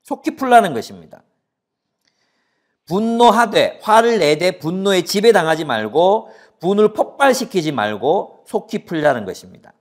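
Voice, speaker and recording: A man's voice: high-pitched, normal speed. A man in his forties preaching a sermon as a pastor, asking the audience questions and acting out everyday quarrels. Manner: animated, asks the audience questions, acts out quarrels.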